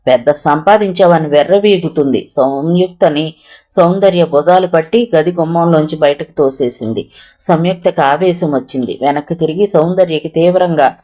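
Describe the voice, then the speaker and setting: Novel reader, steady even telling, medium pitch, does all the characters. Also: normal speed. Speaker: narrator. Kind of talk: reading a novel aloud.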